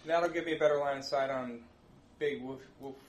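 A man's voice: medium pitch, fairly even intonation, brisk. A man chatting casually as a player at a tabletop game. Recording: echoey room, faint clicky noise.

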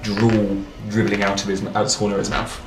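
A man's voice: lowish voice, completely flat delivery, brisk, faint music behind. A man narrating a tabletop game as its game master. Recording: roomy echo.

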